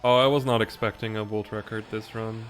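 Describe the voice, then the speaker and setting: A man from the Netherlands, whose first language is Dutch and whose accent blends British and American, keeps up casual commentary while speedrunning to game music. His lowish voice moves fairly quickly with fairly even intonation.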